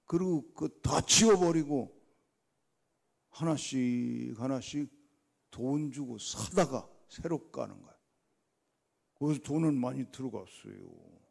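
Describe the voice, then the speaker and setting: A man's voice: medium pitch, lively intonation, slow, creaky, long pauses, a little mellow. An older man preaching a dawn revival sermon, telling stories and acting out his own conversations with God. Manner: storytelling, acts out his talks with God. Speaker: guest preacher.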